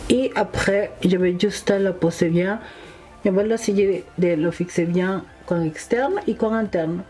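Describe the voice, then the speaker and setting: A woman's voice: mid-range voice, darkish tone. A young woman with a non-native French accent, chatting through a makeup tutorial and speaking fondly to her viewers with gushing exclamations. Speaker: beauty vlogger.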